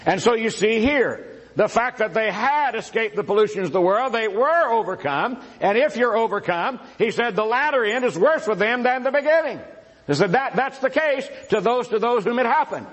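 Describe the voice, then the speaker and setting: A man's voice: very high voice, expressive, moderate pace, fairly bright tone, poor audio. A man in a religious debate, rebutting his opponent directly and citing scripture by chapter and verse. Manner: argumentative, addresses opponent directly.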